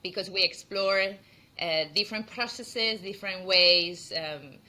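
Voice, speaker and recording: A middle-aged woman from Spain with a Spanish accent, chatting in an interview about her work as a perfume founder, laughing often and filling pauses with "um" and "uh". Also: medium pitch. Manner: laughs often, warm and chatty with many fillers. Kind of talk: interview conversation.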